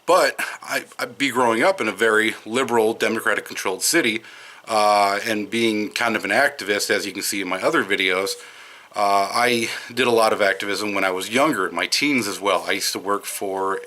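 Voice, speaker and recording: A man's voice: lowish voice, pushed and bright. A man from Wisconsin with a light Wisconsin accent, talking in a casual, rambling monologue full of fillers and restarts while on a smoke break outdoors. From Madison, Wisconsin, USA. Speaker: video commentator.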